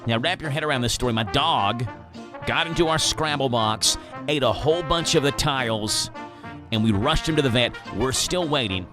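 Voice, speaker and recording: A man with a mid-range voice and a Kentucky accent hosts a morning radio show at a normal speed, reading ads and the weather in playful, sing-song patter. He's in a radio studio on a studio mic, and the broadcast has a music bed underneath.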